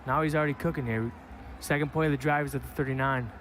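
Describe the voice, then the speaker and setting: A man's voice: medium pitch, fairly even intonation, fast talker, a bit bright, a little hiss or hum. A man with a Wisconsin accent giving casual, slangy live commentary on a football video game, bantering with co-commentators. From Wisconsin, United States. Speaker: esports commentator.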